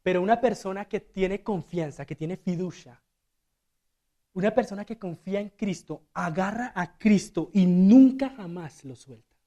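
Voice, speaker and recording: Guy preaching in church, gets loud then drops real quiet, acts stuff out. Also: high voice, a little slow. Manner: animated, swings from loud to hushed, acts out quotes. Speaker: deacon preaching. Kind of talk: sermon.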